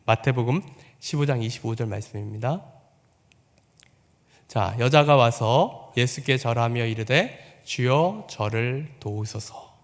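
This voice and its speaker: A man's voice: measured pace, long pauses, in a large hall. A man preaching a sermon as pastor, putting on the voices of the people in the story and asking his congregation questions. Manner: acts out quoted voices with rising pitch and volume.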